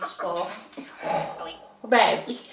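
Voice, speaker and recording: Slow and creaky at a medium pitch, with slight background noise, a woman voices a boastful, talkative older countrywoman from the Haut-Doubs with a Franc-Comtois accent. It's a comic character interview in which she, the interviewee, rambles folksily with plenty of "hein" and "oh ben"; the audio is roomy, dull and lo-fi.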